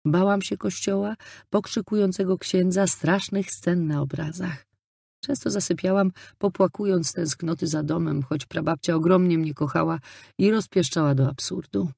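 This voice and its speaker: A young adult woman narrating a first-person novel as an audiobook, lively and a little ironic. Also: lowish voice, moderate pace, gravelly, breathy edge, no room sound, studio quality.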